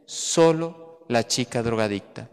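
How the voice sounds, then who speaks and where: A man, a priest, giving a homily in a church, telling a story earnestly, pausing and repeating words. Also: mid-range voice, lively intonation, clear, resonant tone. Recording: long church reverb.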